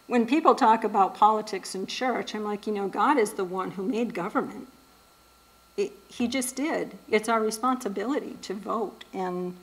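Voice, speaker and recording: Woman, mid-pitched, casual church talk, conversational, lots of restarts. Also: rough recording. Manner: conversational, with many fillers and restarts. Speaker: speaker at a church event.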